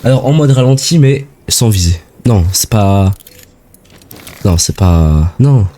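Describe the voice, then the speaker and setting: Excitable young French gamer, mellow voice. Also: male voice, on the low side, slow pace. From France. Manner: excitable, slangy, chatty. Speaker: gaming video creator. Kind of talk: casual let's-play commentary.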